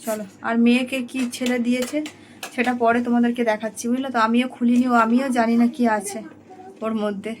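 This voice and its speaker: A woman chatting to her viewers in a rambling home vlog, her voice hoarse from a cold. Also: on the high side, level tone, fairly quick, a little mellow, slight background noise. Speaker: home vlogger.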